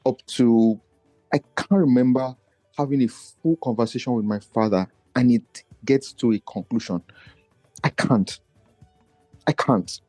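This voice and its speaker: A measured pace and long pauses mark this Nigerian podcast guest, whose voice is a little mellow and low, one he feels does not carry. He reflects on personal matters earnestly and searchingly, often starting his thoughts over. The recording is dry, with faint music behind.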